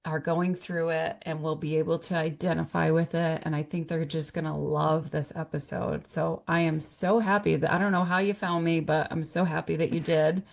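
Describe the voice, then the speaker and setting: A woman's voice: sits low, little pitch movement, moderate pace, creaky, few pauses. A woman hosting a podcast interview, chatty and enthusiastic. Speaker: podcast host. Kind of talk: casual interview talk.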